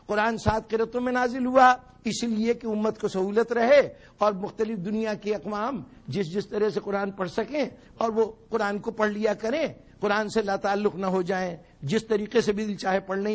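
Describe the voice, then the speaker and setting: A man with a strikingly high voice delivers a religious lecture to a gathering. He explains step by step and drives his points home with sharp rhetorical questions. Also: steady tone, hardly any pauses. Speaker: religious orator at a mourning gathering. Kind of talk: sermon-style lecture.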